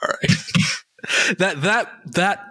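Slow and high-pitched, this male podcast co-host talks in a relaxed, excited, animated way, frequently repeating his words, captured in a dry recording.

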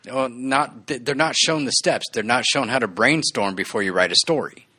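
Mid-range in pitch with a sharp tone and a breathy edge, this man talks at normal speed. He's a podcast co-host in his forties, earnest and casual, given to rambling, restarts, and laughter.

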